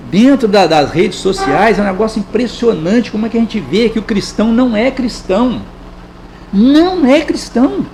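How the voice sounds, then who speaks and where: High, gravelly Brazilian man lecturing. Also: darkish tone, a little hiss or hum, rough recording. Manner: conversational, rhetorical questions, frequent tag questions. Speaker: spiritist lecturer. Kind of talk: public talk at a spiritist center.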